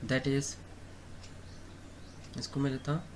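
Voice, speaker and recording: Hindi-speaking teacher checking in with "okay". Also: male voice, medium pitch, monotone, slight background noise. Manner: fills pauses with "okay" and "theek hai"; asks himself questions and then answers them. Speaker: English grammar teacher. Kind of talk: explanatory online lesson.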